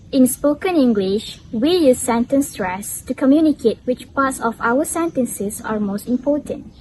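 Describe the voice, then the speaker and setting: A woman's voice: on the high side, a little mellow, slight background noise, low-quality recording. A young woman student presenting a scripted lesson on English pronunciation in a careful, explanatory way. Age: young adult. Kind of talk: scripted educational narration.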